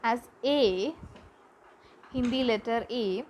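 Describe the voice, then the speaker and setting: A woman teaching a class, slowly repeating words for pronunciation practice. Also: on the high side, a little mellow, low-quality recording. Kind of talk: classroom lesson. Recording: faint background noise.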